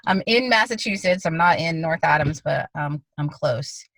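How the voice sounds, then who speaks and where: A woman's voice: low voice, expressive, a little slow, creaky, fairly bright tone, no room sound, poor audio. A woman artist answering interview questions over a video call from her car, hesitant and full of likes and kind-ofs. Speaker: guest artist.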